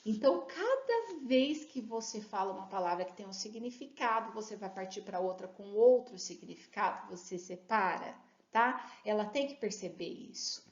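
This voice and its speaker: Lively woman teaching in an echoey room. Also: medium pitch, moderate pace, hardly any pauses. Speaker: literacy educator. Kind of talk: instructional talk to teachers and parents. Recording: roomy, slightly muffled recording.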